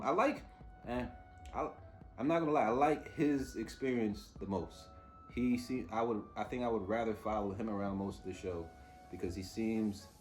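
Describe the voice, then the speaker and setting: A man's voice: on the low side, a little mellow. A man giving a casual, off-the-cuff TV review, informal and opinionated as he mulls things over aloud. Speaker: host reviewing TV episodes.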